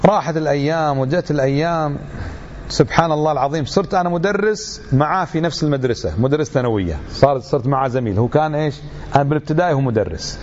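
A man's voice: a little high, a little mellow, highs cut off, slight background noise. A middle-aged man giving an emphatic religious lecture, full of rhetorical questions.

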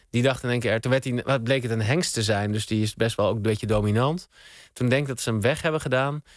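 A spoken word artist appearing as a guest on a radio interview tells a rambling, relaxed story full of fillers. His voice is medium in pitch, captured at a studio microphone with no room sound.

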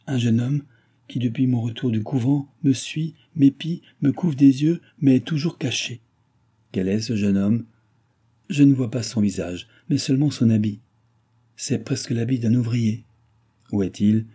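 A man reading the part of a proud young noblewoman speaking from a trance, in a hushed, dreamy voice. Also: medium pitch, unhurried, breathy edge. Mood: entranced.

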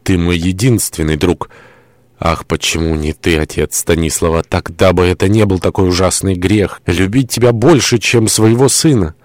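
A man's voice: deep voice, level tone, moderate pace, dry recording, natural voice. A man voicing a pious young mother in anguish, pleading and breaking into tearful outbursts in an audiobook.

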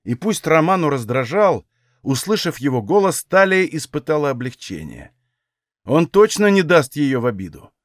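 A man narrating a fantasy audiobook in an even storytelling manner. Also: on the high side, moderate pace, no room sound, studio quality. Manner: even storytelling, acts out dialogue.

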